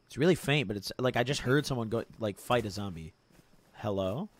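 A man's voice: lowish voice, animated, fairly quick. A young man chatting casually on a gaming live stream in a slangy frat-bro manner, swearing freely and calling everyone bro and dude. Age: young adult. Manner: frat-bro slangy, laid-back hype with "bro", "dude", "boys".

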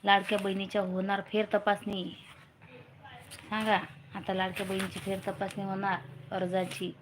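A woman's voice: mid-range voice, completely flat delivery, normal speed, a little hiss or hum. A woman with a Vidarbha Marathi accent hosting a casual live stream from home on her phone, urging viewers to comment. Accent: Marathi from Vidarbha region. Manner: urges viewers to comment, chats with family off-camera.

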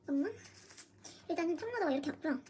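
A young woman vlogging an unboxing at home, gushing excitedly with gasps and squeals. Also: very high-pitched, racing, a little hiss or hum. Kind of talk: casual unboxing chat. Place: home room, dim lighting.

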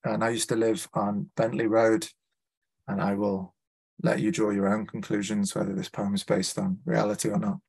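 This Liverpool man speaks with a fairly low, creaky, husky voice that's darkish in tone and level in delivery. A poet with a Scouse accent, he gives a live reading at a literary festival, reading deliberately and dropping small hesitant fillers as he introduces each piece.

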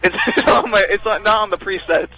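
A young man chatting casually while playing a game with a friend, excitable and often laughing. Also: high voice, moderate pace, low-quality recording. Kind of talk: casual gaming chat.

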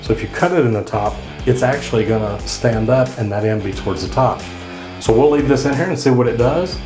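A plumber casually reacts to and tests home hacks in a plainspoken, practical manner, in a studio set and a small restroom, picked up by a desk boom mic and a lapel mic. His medium-pitched voice is brisk and sits over music.

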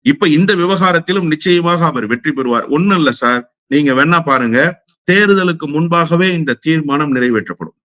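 A man's voice: on the high side, lively intonation, brisk, bright, forceful tone, dry recording. A man speaking as a political guest in a heated interview, combative and firing rhetorical questions.

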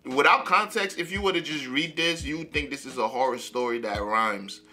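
A man hosting a music reaction video, talking in an excitable, slangy way and often repeating himself. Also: medium pitch, moderate pace. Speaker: music reaction channel host. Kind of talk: casual reaction commentary.

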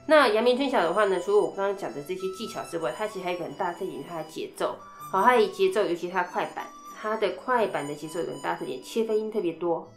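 With a Taiwanese Mandarin accent, a woman gives a chatty flute technique lesson, breaking down each passage step by step and singing rhythm syllables. Her voice is on the low side, very fast, with lively intonation. The room is echoey, with faint music.

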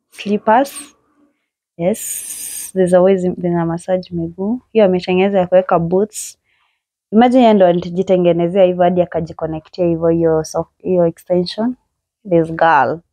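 A young Kenyan vlogger with a medium-pitched, slightly mellow voice walks through a small bedsitter on her handheld phone. Her casual narration is chatty and full of admiration, mixing English with Swahili slang, and there's no echo.

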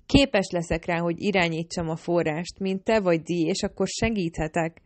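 Hangoskönyvet felolvasó nő. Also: female voice, lowish voice, no room sound. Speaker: audiobook narrator. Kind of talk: first-person audiobook narration.

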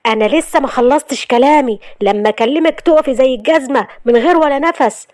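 A woman's voice: sits high, quick pace, a little mellow, dry recording, studio quality, voice pushed up, close to an everyday voice. A woman with an Egyptian accent voicing a stern, jealous young husband who gives orders and scolds. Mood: scolding. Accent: Egyptian Arabic. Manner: commanding, scolding.

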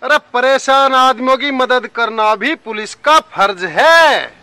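Brief: man as a blustering village cop, very high voice, comedy skit. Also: takes it slowly, pushed and bright, clean tone, no echo, full character voice. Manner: blustering, comic rustic banter. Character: bumbling corrupt village police inspector, man.

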